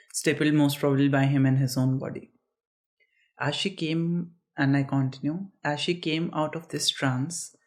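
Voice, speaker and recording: An author reads their own story aloud in a medium-pitched voice, going slowly and haltingly and often pausing for chatty asides.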